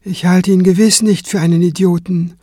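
A man voicing a calm male cleric with dry, ironic wit in an audiobook. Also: sits high, a little slow, gravelly, slightly rough, no room sound, pitched above the performer's own voice, heavily acted.

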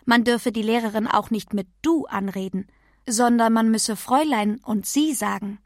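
A woman reading a children's book aloud in a calm, even narrating voice. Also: on the high side, moderate pace, no room sound, clean studio sound. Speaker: storyteller.

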